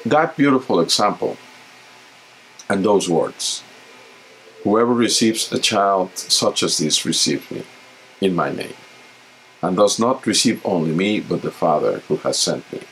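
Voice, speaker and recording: Middle-aged male deacon, low voice, earnest measured homily, webcam in small chapel, faint hiss. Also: expressive, fairly bright tone, poor audio. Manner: earnest, measured, with halting restarts. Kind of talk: gospel reading and homily. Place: small home chapel room with icons.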